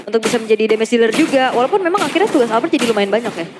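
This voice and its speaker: A woman's voice: a little high, lively intonation, racing, loud music behind the voice. An Indonesian woman giving live commentary on an esports match as one of its casters. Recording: loud ambient arena noise behind. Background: loud venue noise.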